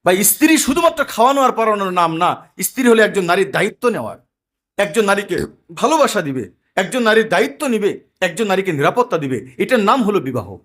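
A man's voice: high voice, sing-song, fast, a bit bright. A man preaching an emphatic sermon to a gathering, telling everyday anecdotes.

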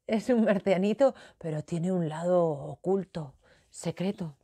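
A woman's voice: on the low side, measured pace, breathy edge. A woman, a children's author telling her own story playfully and talking straight to the child. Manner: playful, animated, talks to the child directly.

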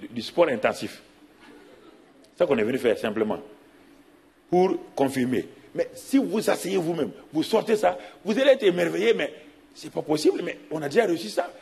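A middle-aged man preaching a sermon as pastor, animated, repeating himself and asking rhetorical questions. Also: a little high, moderate pace, creaky.

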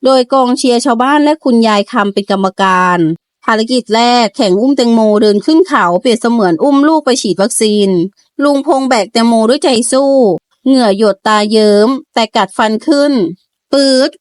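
A woman storyteller giving playful, lively scripted narration of a comic audio story. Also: a little high, brisk, no echo, clean studio sound.

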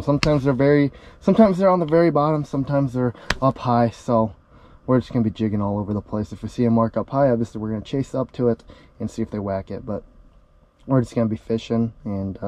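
A man's voice: mid-range voice, quick pace, darkish tone. A young man hosting a fishing vlog, chatting casually as he shows lures and rigs his line inside a small ice fishing shelter, recorded on a camera mic. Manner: laid-back, chatty, talks while rigging gear. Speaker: fishing channel host. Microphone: camera mic, then head-mounted action camera.

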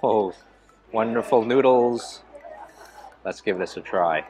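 A man's voice: on the low side, takes it slowly, a little mellow, faint music behind. A man in his thirties, a food vlogger, chatting enthusiastically as he walks a big indoor hotel buffet and eats, filmed on a handheld camera at arm's length. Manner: enthusiastic, narrates each dish as he eats. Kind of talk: casual food vlog narration.

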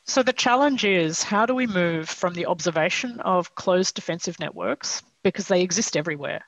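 Woman, fifties, gravelly, husky, dry close sound, emphatic, headset. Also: fairly low pitch, moderate pace, no echo, lo-fi sound. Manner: emphatic, rhetorical questions. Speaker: seminar presenter. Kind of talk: academic discussion on a video call. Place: home study, indoors. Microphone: headset on a video call.

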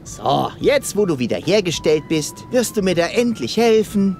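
A man's voice: sits high, sing-song, normal speed, darkish tone, faint music behind. An actor voicing a cocky, sarcastic young male game hero who talks in a cheeky, mocking way. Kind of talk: game voice acting.

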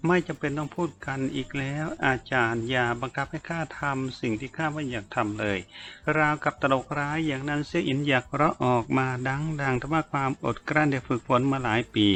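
Man reading a novel aloud, steady. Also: medium pitch. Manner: steady, measured storytelling. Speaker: audiobook narrator.

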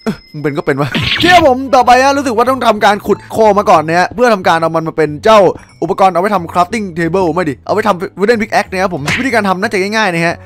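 Excitable young man, high lively voice. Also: fast talker, few pauses, faint music behind. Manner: excitable, loud outbursts and crude jokes. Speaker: gaming YouTuber. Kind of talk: casual game commentary.

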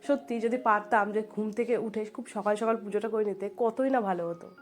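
Quick-talking nasal woman with a cold. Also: mid-range voice, faint music behind. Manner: rambling, homely, talks to viewers. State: congested from a cold. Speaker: home vlogger. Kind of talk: chatty voice-over narration. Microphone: voice-over.

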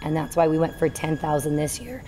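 Expressive and brisk yet mellow, this woman in her thirties coaches girls volleyball and is sincerely answering questions after a game. She restarts here and there as she sorts out her thoughts, with the clamor of a high school gym around her.

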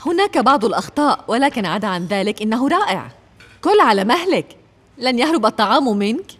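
A kind social worker. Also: female voice, a little high, sing-song, quick pace. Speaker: social worker who adopts a boy. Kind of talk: dubbed drama acting.

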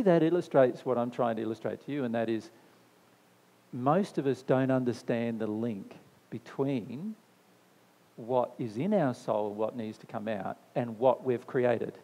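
Mellow man giving a reverberant spiritual talk. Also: mid-range voice. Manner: conversational, checks in with "right?"; repeats phrases for emphasis. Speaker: speaker answering audience questions. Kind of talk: spiritual talk to a live audience. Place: discussion venue, indoors. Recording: long hall reverb.

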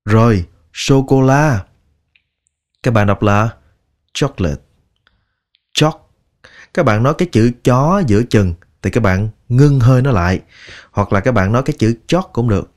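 A man teaching English pronunciation, drilling each word slowly and repeating it many times. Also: medium pitch, a little mellow. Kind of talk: slow, deliberate pronunciation lesson.

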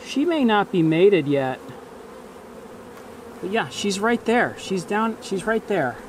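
In his forties and high-pitched, this beekeeper vlogger is very animated yet unhurried while casually walking through a hive inspection, half talking to himself. Outdoors in a grassy bee yard, bees and insects buzz around, and a little hiss or hum sits in the recording.

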